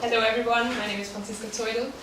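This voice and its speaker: A young woman with an Austrian accent, a native German speaker, gives a short prepared talk as a staff writer, earnest, with light laughs and many ums. Her fairly high voice is level in tone and racing, with background noise. She is heard from a distance in an echoey room.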